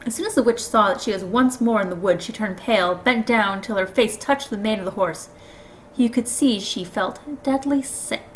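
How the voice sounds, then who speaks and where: Expressive woman reading aloud. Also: mid-range voice, moderate pace, a little hiss or hum, poor audio. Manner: expressive, does voices for characters. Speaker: storybook reader.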